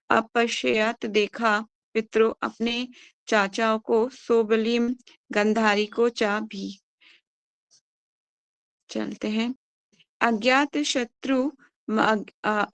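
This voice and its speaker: A woman with a fairly high voice leads a scripture class. She works through verses slowly, word by word, and then explains them briskly. The sound is dry and close, with no room echo. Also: smooth. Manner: slow halting recitation, then brisk explaining.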